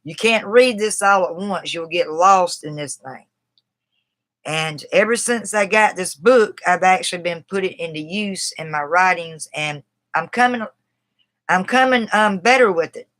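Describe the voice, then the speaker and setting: Outdoors, a woman from the Southern US with a Southern accent talks casually on a livestream about a book on writing, rambling and greeting viewers by name. She's a writer, and her fairly low voice is unhurried and a bit bright.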